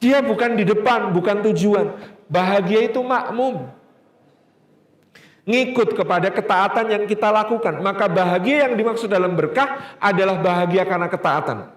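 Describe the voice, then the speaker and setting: A man preaching a storytelling sermon, lively and drawing out key words. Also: sits high, reverberant. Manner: lively, acting out dialogue, drawn-out emphasis.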